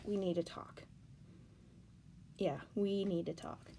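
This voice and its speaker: Crying woman vlogging, slow and broken up, dark gravelly voice, faint hiss behind. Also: mid-range voice, steady tone. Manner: halting, repeating words, sighing. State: upset and crying. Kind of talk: tearful personal reaction vlog.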